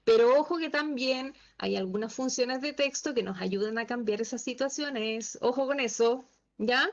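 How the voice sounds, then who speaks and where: Female instructor, high voice, patient step-by-step teaching, slightly muffled call audio. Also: normal speed. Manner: patient, asks the class checking questions. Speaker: Excel instructor. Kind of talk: online class teaching. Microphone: video call.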